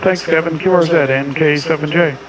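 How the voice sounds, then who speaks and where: In a small indoor home radio room, a middle-aged man competes in an amateur radio contest, delivering clipped exchanges and phonetic spellings a little fast. His voice is slightly high and steady, and background noise is clearly audible.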